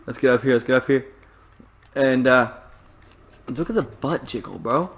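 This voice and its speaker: A man's voice: mid-range voice, moderate pace, creaky, slightly rough. Young man rambling through gaming chat. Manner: rambling, swears freely, laughs often. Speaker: let's play host guiding a friend.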